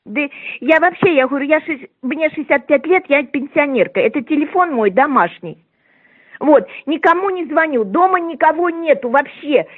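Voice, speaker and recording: A woman in her sixties, the target of a prank call, scolds insistently and repeats herself over a muffled phone line. Her voice is high-pitched and animated, at a moderate pace.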